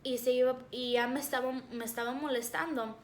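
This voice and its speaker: A young woman giving a personal faith testimony, earnest and halting, often pausing on fillers. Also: sits high, fairly even intonation, slight background noise. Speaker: devotional speaker. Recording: echoey room.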